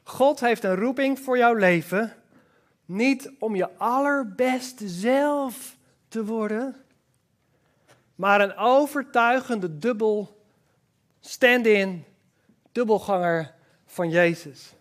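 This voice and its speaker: High-voiced man preaching with enthusiasm. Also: takes it slowly, long pauses. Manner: enthusiastic, with exclamations; addresses the congregation directly. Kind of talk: church sermon.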